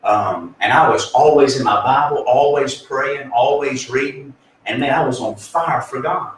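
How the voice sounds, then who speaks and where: Earnest pastor, distant in echoey room. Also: male voice, medium pitch, a little slow, slight background noise. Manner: earnest, folksy, with many fillers and restarts. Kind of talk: conversational spiritual teaching. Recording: echoey room, distant mic, faint ambience.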